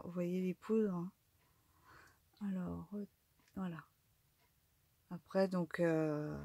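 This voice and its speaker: A woman's voice: lowish voice, mellow, no room sound. A middle-aged woman casually talking through an unboxing of craft supplies, hesitant with many fillers and restarts. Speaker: craft vlogger.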